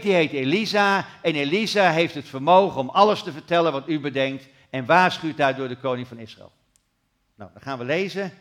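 A middle-aged man preaching a sermon, retelling scripture as a lively story with sudden loud bursts. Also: a little high.

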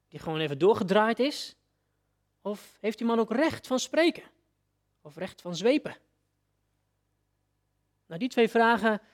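High-voiced man preaching a vivid sermon. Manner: vivid storytelling, addressing listeners directly.

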